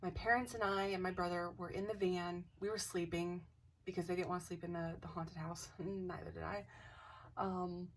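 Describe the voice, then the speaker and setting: A woman telling a personal ghost story to camera in a casual, animated way, acting out the dialogue and sometimes dropping to a whisper. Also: lowish voice, moderate pace. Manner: animated, acts out quoted dialogue, drops into whispers. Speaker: craft channel host. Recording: voice a bit distant from the mic.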